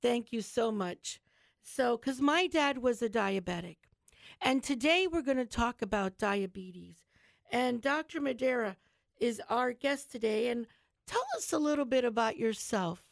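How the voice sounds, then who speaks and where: A woman hosting a talk show, with a somewhat high voice and a dry, close sound. She talks in a chatty, effusive way and praises her guests warmly. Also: expressive, a little slow, creaky, no room sound.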